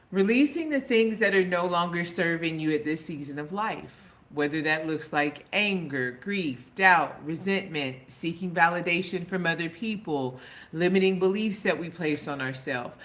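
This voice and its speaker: A woman's voice: lowish voice, a bit bright. A woman coach talking straight to camera in an earnest, motivational way, repeating her key points for emphasis. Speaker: women's empowerment coach. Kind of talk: direct-to-camera vlog talk.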